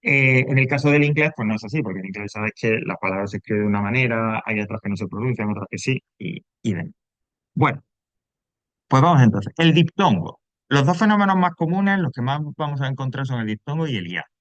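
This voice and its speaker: A man's voice: medium pitch, lively intonation, brisk, fairly bright tone, no echo. Andalusian male teacher explaining grammar. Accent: Andalusian Spanish. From Andalusia, Spain. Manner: explanatory, keeps checking with "right?". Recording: dull, dry, muffled.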